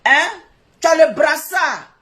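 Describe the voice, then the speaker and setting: A woman's voice: high voice, animated, takes it slowly, pushed and bright. A woman on a live stream, scolding and mocking a rival in a heated, repetitive rant.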